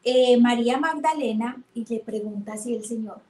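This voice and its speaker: Woman teaching with lively storytelling. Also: a little high, normal speed, reverberant. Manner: warm, animated storytelling with emphatic retellings.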